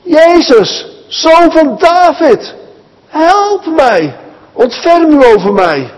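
A man voicing a blind male beggar who cries out desperately for help, in a high, loud, drawn-out pleading voice. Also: big-room sound, poor audio.

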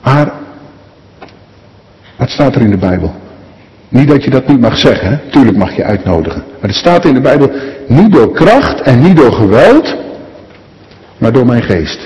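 Dutch pastor preaching in a reverberant church. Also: male voice, mid-range voice, animated, normal speed, long pauses, darkish tone, lo-fi sound. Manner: conversational, asks the congregation questions. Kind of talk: sermon. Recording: echoey church hall.

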